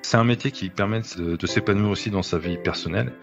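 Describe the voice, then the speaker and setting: Low-voiced hesitant man. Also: quick pace, creaky, music in the background. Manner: hesitant, many fillers and restarts. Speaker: assistance worker interviewee. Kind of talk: recorded testimony. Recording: dull lo-fi sound.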